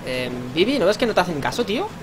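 With big pitch swings and a fast, high voice, a young Spaniard provides casual let's play commentary on a video game. He's crude and jokey as he reads lines aloud, with game music and background noise behind him.

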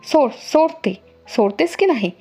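A woman's voice: high voice, animated, normal speed, a little mellow, soft background music. A woman voicing a proud, fiery young princess in a storybook reading, with a heated, raised delivery. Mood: furious.

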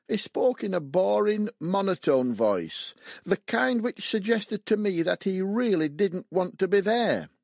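Older man with a lively, high voice narrating. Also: no echo, studio quality. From West Yorkshire, England. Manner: plain, matter-of-fact storytelling. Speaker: author reading his memoir. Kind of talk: audiobook memoir narration.

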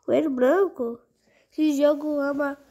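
A young girl hosts her gaming channel, offering casual commentary while she plays, talking to herself and getting startled easily. Her voice sits high yet sounds dark, with a steady tone and slow pace.

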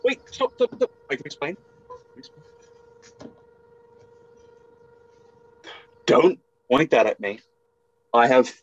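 A young man playing a brash, evasive, confused exile caught stealing, halting and excitable, in an amateur video game role-play drama. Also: mid-range voice, breathy edge. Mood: nervous bluffing. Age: young adult. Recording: muffled lo-fi home webcam audio.

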